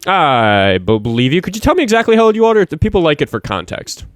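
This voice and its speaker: A man's voice: a little high, big pitch swings, no echo, studio quality. A man hosting a live call-in debate stream, arguing with a caller and interrupting him often. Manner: fast, argumentative, interrupts callers. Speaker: talk show host.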